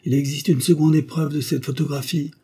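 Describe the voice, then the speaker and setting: A man's voice: a little high, steady tone, brisk, dark tone, breathy edge, pitched above the performer's own voice. A man voicing a stern imperious duchess. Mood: cold, stern. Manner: stern, commanding, solemn. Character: imperious cold-hearted noble duchess, woman. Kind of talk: audiobook character voice.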